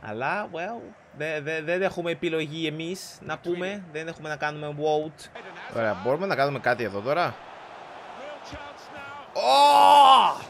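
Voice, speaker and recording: A young man from Cyprus giving excitable live commentary over a football video game, swearing at the game and mixing in English slang. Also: slight background noise. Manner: bursts into high shouting at goals. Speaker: gaming YouTuber.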